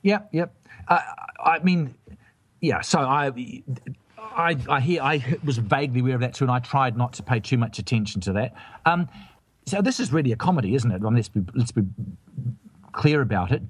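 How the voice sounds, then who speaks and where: Husky man chatting about a film. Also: medium pitch, lively intonation, normal speed. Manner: rambling, hesitant, many restarts. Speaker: film review show host. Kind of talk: casual film review chat.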